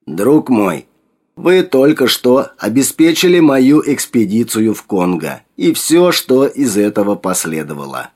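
A man's voice: medium pitch, big pitch swings. A man reading as a shaken old scientist. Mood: earnest. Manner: slow, tense, quiet.

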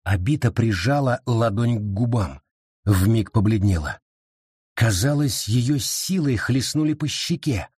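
A man narrating an audiobook in a steady, measured reading voice. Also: medium pitch, slightly rough, no echo, clean studio sound. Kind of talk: scripted narration.

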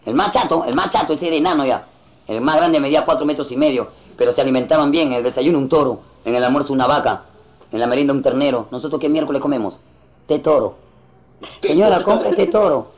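Talking fast at a medium pitch, this Peruvian-accented comic delivers slang-heavy material and drops into mocking voices. It's a live gig with a band and an audience roaring with laughter, captured in dull, lo-fi sound where the crowd is loud.

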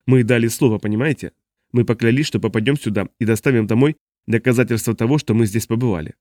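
A man's voice: mid-range voice, quick pace, darkish tone, no room sound, studio quality, lightly acted. A man voicing a stubborn, guarded traveler who refuses to give answers. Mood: defiant.

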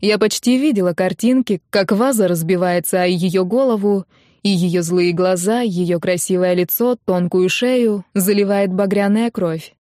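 A woman's voice: medium pitch, mellow, dry recording, clean studio sound. Woman reading an emotional first-person audiobook. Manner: emotional, intimate, measured. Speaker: audiobook narrator.

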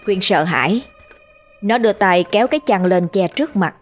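A woman narrates a scripted horror story at a mid pitch. Her delivery stays steady and measured throughout. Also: faint music behind.

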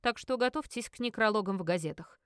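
A woman's voice: medium pitch, quick pace, clear, resonant tone, dry recording, natural voice. A woman reading the part of a cold, pressing male investigator in an audiobook, in a dry room. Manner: cold, interrogating.

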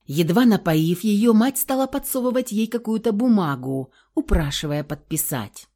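Expressive woman reading an audiobook. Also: mid-range voice, normal speed. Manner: expressive, dramatic storytelling. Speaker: audiobook narrator. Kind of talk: scripted audiobook narration.

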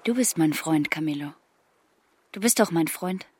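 Willful haunted young woman, twenties: low-set voice, cryptic, flat delivery, slips into whispers. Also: normal speed, a little hiss or hum. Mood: odd, fixated. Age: 20s. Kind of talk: radio play acting.

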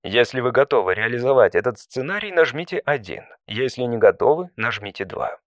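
Man performing an automated phone menu voice, male, medium pitch, politely deadpan, measured prompts, comic audio story, dry close sound. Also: no echo, close to an everyday voice. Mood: brisk, pleased.

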